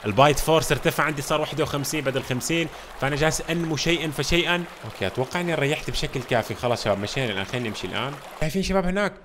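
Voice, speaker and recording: A man hosting a let's-play video, giving excitable game commentary and constantly talking straight to his viewers. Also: on the high side, rapid-fire, background noise. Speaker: gaming channel host.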